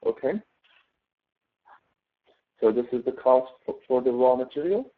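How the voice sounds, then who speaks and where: In an unhurried, mid-range voice, a professor teaching online leads an informal tutoring walkthrough. He explains step by step and repeatedly checks in with "okay?", heard through thin, phone-like audio.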